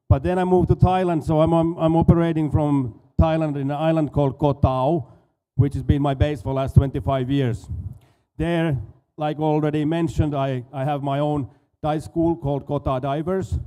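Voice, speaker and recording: This Finnish man in his forties, a dive school owner and conference speaker, gives a casual talk on an expo stage. His accented voice is slightly high and mellow, and he often stumbles and repeats words.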